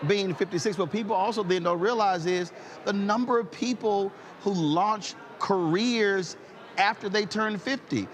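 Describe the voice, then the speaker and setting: A high-pitched, slightly slow voice comes from a man in his fifties who hosts a talk show. In a conversational interview with personal anecdotes, he speaks emphatically and repeats words as he builds a point.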